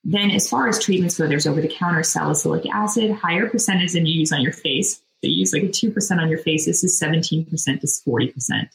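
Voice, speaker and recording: A woman's voice: low-pitched, fast, gravelly, hardly any pauses, rough recording. A middle-aged woman, a dermatologist guest, explains things casually in informal, plain words. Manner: informal, plain-worded, frequent "you know" and "like". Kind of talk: casual explanatory interview talk.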